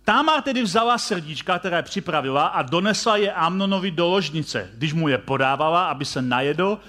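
A male preacher with a fairly high, bright voice delivers a story as a sermon, his intonation lively and his tone forceful. He puts direct questions to his audience and frequently restarts or repeats phrases along the way.

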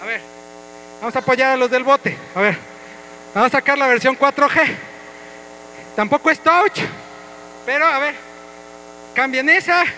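A man, a pastor leading an energetic, playful interactive sermon with his congregation in a church. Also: very high-pitched, normal speed, pauses often, a little hiss or hum, poor audio. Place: church hall.

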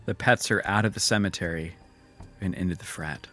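A man co-hosting a comedy podcast, chatting casually and reading out his jokes in a deadpan way. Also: low voice, fairly quick, soft background music. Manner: joking, reads tweets in a deadpan whisper. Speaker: podcast co-host.

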